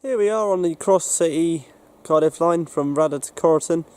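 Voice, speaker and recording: A man's voice: on the high side, normal speed, a little mellow. A British man casually narrating a railway vlog on a station platform, rambling with fillers into a handheld camera. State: out of breath after running. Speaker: railway vlogger.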